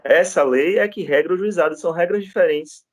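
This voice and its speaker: A man's voice: fairly high pitch, a little fast, dry recording, studio quality. A male law lecturer with a Brazilian Portuguese accent, teaching in an informal, storytelling way and often checking in with his listeners. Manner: chatty, storytelling, frequent tag questions.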